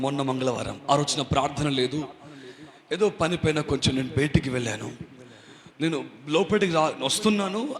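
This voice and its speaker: A man preaching a sermon as pastor, fervently calling for amens and rising to shouts. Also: mid-range voice, big-room sound. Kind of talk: Telugu sermon.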